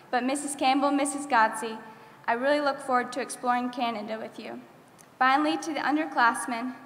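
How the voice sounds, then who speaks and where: A woman's voice: high voice, fairly bright tone. A graduating senior girl in her late teens reading an earnest farewell speech full of thank-yous at a school chapel podium. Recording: echoey chapel with long reverb.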